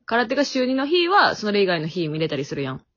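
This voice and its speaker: A young woman with a Kansai Japanese accent co-hosts a podcast over a remote call from her family home, chatting casually in an easygoing, self-deprecating way. Her medium-pitched voice swings widely in pitch and moves briskly, and the audio is dull and lo-fi.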